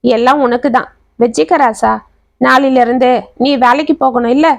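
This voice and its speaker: A woman voicing a gentle, affectionate old father. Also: high voice, steady tone, moderate pace, gravelly, no echo. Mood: tender. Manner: soft and affectionate.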